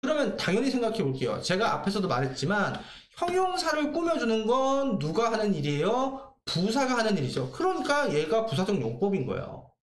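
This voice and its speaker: A man teaching English grammar in a lively lecture, asking questions and answering them himself. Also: high voice, fairly quick, roomy sound, a little hiss or hum. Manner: lively, asks and answers his own questions.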